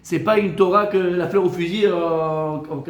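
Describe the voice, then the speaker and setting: A man, a rabbi, giving a Torah lesson in a lively way, teasing his listeners with joking asides. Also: sits high, normal speed, roomy sound.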